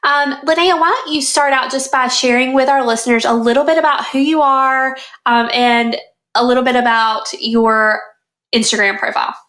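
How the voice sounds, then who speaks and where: A woman's voice: high-pitched, steady tone, normal speed, fairly bright tone. A woman hosting a casual podcast in an upbeat, enthusiastic way. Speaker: podcast host.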